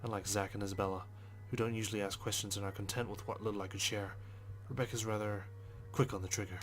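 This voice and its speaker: In a let's play, a man reads a visual novel's narration aloud with a dry, understated delivery. His lowish, flat voice moves quickly over faint background music.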